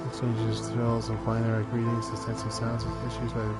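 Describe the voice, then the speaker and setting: A man with a mid-range voice plays through a game and reads its dialogue aloud. He stumbles and restarts on words between casual asides. Game music plays clearly behind him. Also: medium pitch, monotone, brisk. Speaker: video game streamer. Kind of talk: let's play commentary.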